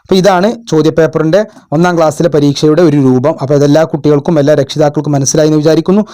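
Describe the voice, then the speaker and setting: A man tutoring children and parents, going through exam questions in a patient way, asking questions and repeating words slowly. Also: fairly high pitch, steady tone, mellow. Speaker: madrasa tutor. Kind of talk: explaining exam answers.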